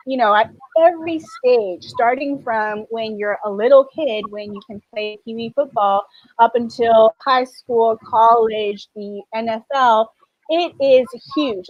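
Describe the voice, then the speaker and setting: A woman's voice: on the high side, dry recording, muffled recording. A woman born in China and raised in Canada, a documentary director answering interview questions thoughtfully, with frequent restarts.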